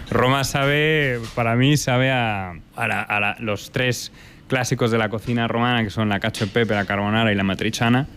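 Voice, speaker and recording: Spanish chef talking in an interview. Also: male voice, medium pitch, steady tone, moderate pace, a bit bright, a little hiss or hum. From Spain. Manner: thoughtful, many fillers and restarts. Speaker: chef and restaurant owner. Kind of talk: relaxed interview answers.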